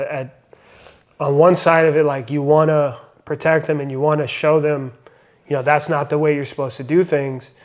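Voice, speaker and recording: A young man and father talking earnestly in a casual podcast conversation, reflecting and using many fillers. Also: a little high. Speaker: podcast co-host.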